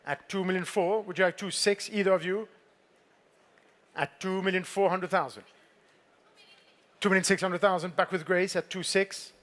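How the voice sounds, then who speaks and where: A man with a high-pitched voice conducts a live sale as a fine art auctioneer. He calls out figures and repeats them in a formal, poised delivery, politely prompting bidders in the saleroom. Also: fairly even intonation, normal speed, pauses often, fairly bright tone.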